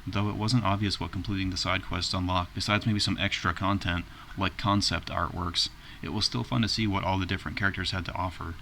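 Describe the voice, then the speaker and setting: Low-voiced man narrating a game review. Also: fairly even intonation, a little fast, vocal fry, few pauses, pushed and bright, slight background noise. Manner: informal, plainspoken.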